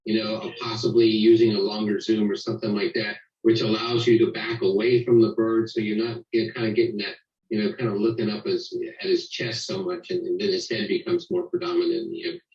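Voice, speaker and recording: Low-voiced man judging photos in a roomy space. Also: little pitch movement, darkish tone. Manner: measured, with frequent "you know". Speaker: photo competition judge. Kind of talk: spoken critique. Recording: roomy, dull distant sound.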